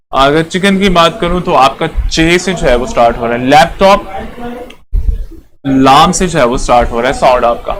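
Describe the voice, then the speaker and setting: In this classroom lecture, an Urdu-speaking man teaching English talks with a bright, higher-leaning voice against slight background noise. He goes over things repeatedly and checks on his students with "clear?"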